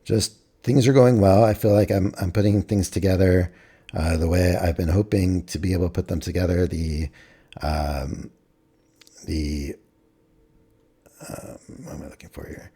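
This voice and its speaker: A man with a very deep, dark voice that sounds slightly hoarse talks casually into a desktop mic. He reviews his own trades in a matter-of-fact way, thinking aloud as he goes. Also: steady tone, normal speed, pauses often. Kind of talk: casual screen-recorded trade recap.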